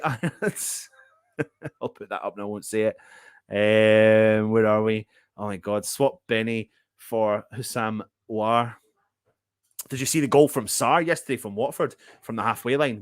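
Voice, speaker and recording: A man's voice: medium pitch, dry recording, studio quality. Man hosting a casual football livestream. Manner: chummy, greets viewers as mate. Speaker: host of a football fan live show. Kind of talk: casual live-stream chat and news commentary.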